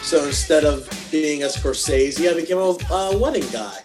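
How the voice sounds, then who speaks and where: A man's voice: on the high side, moderate pace, over music. A man from western Pennsylvania, a wedding videographer, telling stories with dry, self-deprecating humor in a casual interview. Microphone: video call.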